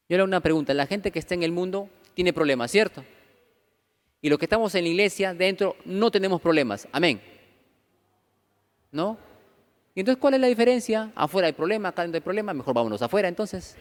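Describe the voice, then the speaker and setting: Pastor preaching in an echoey church. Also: male voice, sits high, animated, a little fast, pauses often. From Peru. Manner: keeps asking the congregation rhetorical questions; acts out quoted voices of churchgoers. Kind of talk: conversational sermon. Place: church hall. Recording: reverberant church hall.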